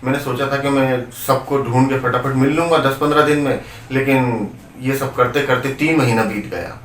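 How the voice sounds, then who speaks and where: A troubled, worn-down man speaks earnestly and pleadingly, as a male storyteller puts him on. The voice is ordinary in pitch and sounds far from the mic, in a roomy, echoing space. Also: normal speed, a bit bright, slight background noise, natural voice. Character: troubled, desperate middle-aged man in depression.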